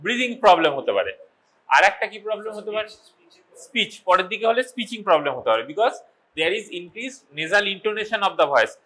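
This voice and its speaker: Bright-voiced Bengali man lecturing slowly. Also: high-pitched, rough recording. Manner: mixes English and Bengali, quizzes students informally. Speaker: medical college lecturer. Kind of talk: classroom lecture.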